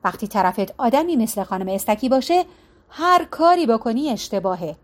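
A woman narrating a novel in a calm, measured storytelling voice. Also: on the high side. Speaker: audiobook narrator. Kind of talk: scripted narration.

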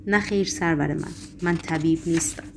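Woman reading as a gentle, earnest prisoner. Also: low-pitched, creaky, noisy background. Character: calm, gentle male prisoner, earnest and unafraid.

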